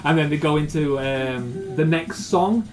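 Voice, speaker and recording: A man's voice: a little high, animated, unhurried, music in the background. A man narrating as game master for a tabletop game, wandering through descriptions and often searching for words.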